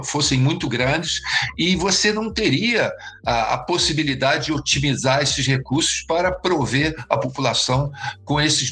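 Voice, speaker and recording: A man, a guest expert giving reflective interview answers, halting and restarting often. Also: fairly high pitch, pushed and bright, low-quality recording. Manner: halting, many restarts and repeated words.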